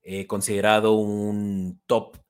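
Lower-voiced man talking fantasy football. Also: little pitch movement, slow, darkish tone. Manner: enthusiastic, fantasy-stat focused. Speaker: podcast co-host. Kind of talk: casual sports talk.

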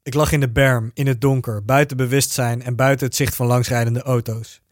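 A man reading a first-person story aloud in a steady, even narrating voice. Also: medium pitch, brisk, no room sound, clean studio sound.

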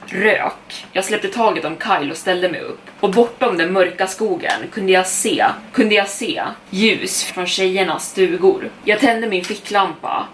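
A woman's voice: medium pitch, few pauses, a little hiss or hum. A young adult woman narrating a scripted first-person horror story for a podcast, reading steadily and speeding up in tense passages.

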